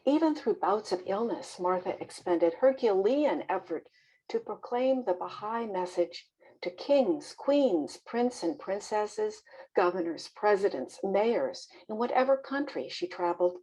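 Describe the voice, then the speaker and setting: A woman presenting a devotional fireside, reading a biographical narrative aloud in a measured, expressive way. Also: mid-range voice, breathy edge, poor audio.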